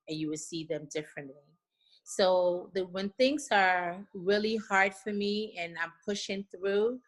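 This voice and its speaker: A middle-aged woman from Liberia speaks as an interview guest. She talks earnestly, repeats phrases and fills pauses with "you know". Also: on the low side, a bit bright. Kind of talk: remote interview, casual.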